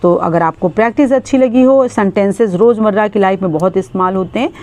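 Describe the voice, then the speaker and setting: A woman teaching spoken English, explaining example sentences and repeating each one slowly and carefully. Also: medium pitch, darkish tone. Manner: slow, deliberate repetition of example sentences. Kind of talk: bilingual spoken English lesson.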